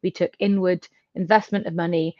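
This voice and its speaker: This company founder and CEO, a middle-aged Englishwoman whose first language is English, explains things conversationally while appearing as an interview guest. She speaks at a moderate pace in a fairly low, flat voice. There's no room sound, though the recording comes across as dull and a bit lo-fi.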